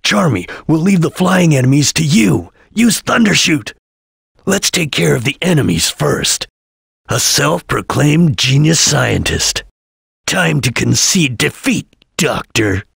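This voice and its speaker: A stern, disciplined ninja chameleon from a video game, speaking in tactical, deliberate phrases. The voice is very husky with a gravelly edge, and its pitch swings in a lively way at a middle register. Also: male voice, no echo, clean studio sound, full character voice. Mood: alarmed, urgent, then stern, confident. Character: serious, disciplined male ninja chameleon detective, cool and tactical. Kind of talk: video game character voice lines.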